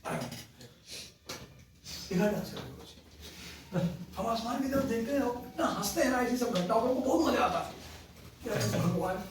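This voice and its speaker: A man lectures a history class in a high voice, telling jokes and drifting into anecdotes. He sits back from the mic, so the sound carries the hollow echo of the room. A faint hiss runs beneath him. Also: animated, moderate pace, pauses often. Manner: chatty, joking, digressive storytelling. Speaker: history teacher. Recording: echoey classroom from far off.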